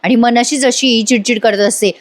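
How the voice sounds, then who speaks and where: A woman's voice: on the high side, steady tone, normal speed. A woman narrating a chatty voice-over recap of a television serial, talking directly to viewers. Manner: chatty storytelling, addresses viewers.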